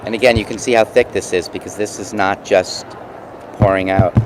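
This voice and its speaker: A man with a New York accent casually explaining and demonstrating craft products, pausing mid-sentence as he works. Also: on the low side, steady tone. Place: busy convention booth. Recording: noisy trade show floor background.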